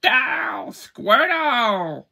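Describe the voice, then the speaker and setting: A man's voice: very high-pitched, sing-song, extremely slow, vocal fry, pushed and bright, heavily acted. A man voicing a small, cute turtle creature in an amateur puppet show, repeating itself in creature chirps. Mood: upset, wailing. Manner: repetitive creature chirping, swooping.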